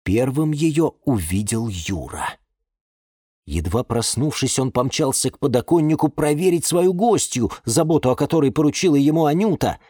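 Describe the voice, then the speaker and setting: A man narrating a children's storybook in an animated, expressive way, close to the mic. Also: medium pitch, normal speed, breathy edge, no echo.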